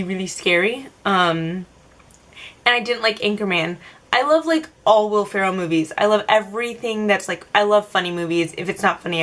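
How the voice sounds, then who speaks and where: Young woman, vlogger, casual q&a, rambling with fillers, mid pitch. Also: a bit bright. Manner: chatty, filler-heavy, self-answering rambles. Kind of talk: casual tag-video Q&A.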